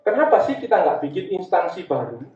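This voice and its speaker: A man with an East Javanese Indonesian accent gives an informal guest talk as the founder of a community education initiative, sharing personal anecdotes conversationally and repeating phrases. His voice sits high with big pitch swings, a slightly fast pace and a warm tone. The recording is dull, echoey and distant from the mic, with slight background noise.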